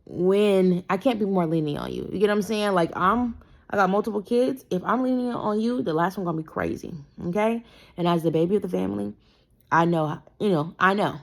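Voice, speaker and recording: A woman's voice: medium pitch, brisk, vocal fry. A young adult woman, a mother, telling a rambling, conversational parenting story with lots of fillers. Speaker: parenting vlogger. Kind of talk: casual storytime monologue.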